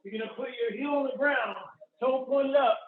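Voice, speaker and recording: A man coaching a workout like a barking, energetic gym trainer, calling short, repeated, encouraging commands and countdowns over a video call. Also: very high voice, moderate pace. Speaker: fitness trainer leading a live workout. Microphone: phone or computer on a video call. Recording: tinny, echoey video-call audio.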